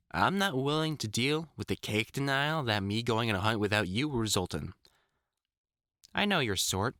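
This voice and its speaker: In an intimate audio roleplay, a middle-aged man voices a gruff but caring vampire hunter, experienced, wry and protective, with a fond, teasing mood. His mid-range voice is lively and varied, with a bright, forceful edge, and he slips in informal muttered asides. The recording is very dry and close, with no echo.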